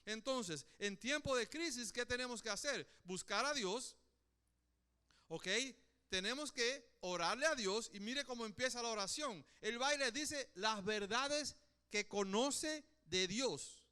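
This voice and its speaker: A man with a high, bright voice preaching with lively conviction. His tone is clear and crisp, and he keeps tossing short questions to his listeners as he drives each point home. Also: unhurried. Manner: animated, asks the congregation questions often. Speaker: pastor. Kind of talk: sermon.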